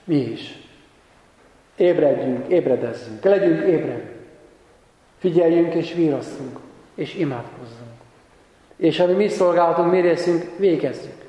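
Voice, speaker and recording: Male pastor, sermon, warm slightly high voice, heavy echo of a church. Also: long pauses. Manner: rises to impassioned emphatic exhortation, then settles calm. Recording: very echoey church hall.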